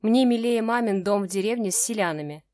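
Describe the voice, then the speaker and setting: A woman narrating a first-person romance audiobook in a measured, even way. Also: medium pitch, no echo, clean studio sound.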